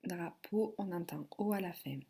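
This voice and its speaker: A woman teacher giving a phonics and spelling lesson to a child, dictating syllables slowly and clearly. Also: fairly low pitch, warm tone. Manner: slow, clearly articulated dictation.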